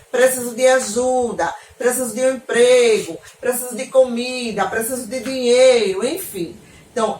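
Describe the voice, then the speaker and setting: A woman from Northeast Brazil gives an online geography lesson to young pupils, warm in manner and often pausing to check they follow. Her voice sits fairly high and reaches the mic from a little distance, with echo in the room and faint background noise. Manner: affectionate, frequent checking questions to pupils. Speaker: teacher. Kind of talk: online class lesson for children.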